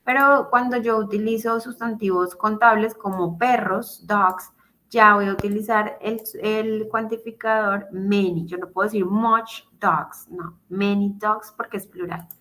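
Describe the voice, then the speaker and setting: A woman's voice: medium pitch, steady tone, normal speed, fairly bright tone. A woman teaching a class over a video call, explaining grammar patiently and reading out examples in English.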